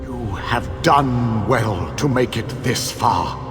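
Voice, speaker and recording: Ancient elf king, theatrical, sweeping pitch, self-assured, fantasy game, long echoing reverb. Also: expressive. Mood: commanding. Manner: grandiose, self-assured, dramatic pauses. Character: ancient imprisoned elven king, proud, theatrical master strategist. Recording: long hall reverb, music underneath.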